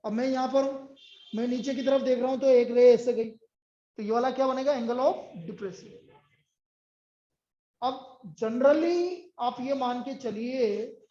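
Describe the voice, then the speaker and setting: A man's voice: very high-pitched, dark tone. A man teaching a class, drilling his students with repeated questions and answers and scolding them sternly. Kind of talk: classroom lecture. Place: indoor classroom. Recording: echoey muffled classroom recording.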